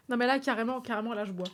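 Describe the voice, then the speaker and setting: A young woman streaming live, chatting casually with her viewers, animated and laughing often. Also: fairly high pitch. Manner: animated, laughs often, talks straight to chat.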